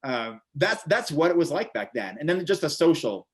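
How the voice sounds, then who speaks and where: Very animated and on the high side, this American man in his forties keeps a moderate pace. As an interview guest, the vegan bodybuilder and author tells stories casually, rambling and repeating words as he goes.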